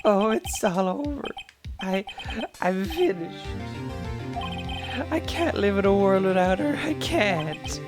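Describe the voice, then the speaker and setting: A melodramatic, heartbroken young man wailing in despair, as a man puts him on with a whiny, pleading tone. The pitch swings wildly, and loud game music plays behind. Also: big pitch swings, slow pace, exaggerated voice. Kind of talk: reading game dialogue aloud while playing.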